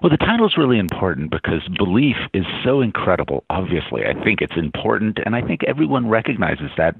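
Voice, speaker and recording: A man's voice: sits low, husky, dry recording. A man, an anthropologist, explaining his ideas thoughtfully as a guest on a radio interview. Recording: tinny phone-line call.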